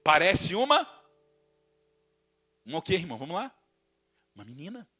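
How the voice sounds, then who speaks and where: A male pastor preaching a sermon. He keeps asking the congregation rhetorical questions, acts out quoted insults, and stretches words as his loudness rises and falls. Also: fairly high pitch, big pitch swings, very fast, husky.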